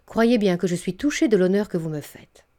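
A woman's voice: medium pitch, lively intonation, a little fast, dark tone, natural voice. A woman reading the lines of an ambitious male government minister, formal and composed. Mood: courteous.

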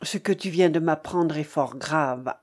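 A woman reading an aging aristocratic father in an audiobook, speaking gravely with anguished, indignant outbursts. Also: low-pitched, a little slow, darkish tone, voice pushed down.

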